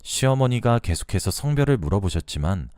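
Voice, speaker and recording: Male narrator, low-pitched and animated, confiding first-person telling, dry sound. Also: brisk, no room sound. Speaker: story narrator.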